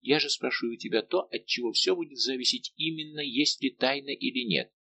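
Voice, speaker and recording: A man reading the part of a lively young maid of honour who teases and presses her friend with brisk, insistent questions. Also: mid-range voice, vocal fry, breathy edge, no room sound, dull audio, full character voice. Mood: coaxing.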